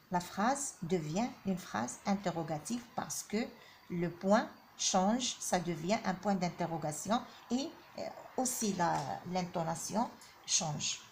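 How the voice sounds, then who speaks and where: Slow, hesitant woman teaching grammar. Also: mid-range voice. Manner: slow, repeats each example sentence aloud; hesitant, frequent fillers. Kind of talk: grammar lesson.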